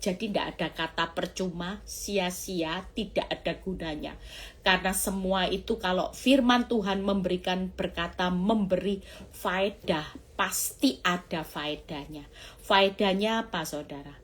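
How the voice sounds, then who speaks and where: Animated woman preaching on a live stream. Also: lowish voice, measured pace. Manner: animated, acts out cries and prayers, jumps to shouts; chatty, asks the listeners questions. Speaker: evangelist preacher. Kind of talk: sermon on an Instagram live.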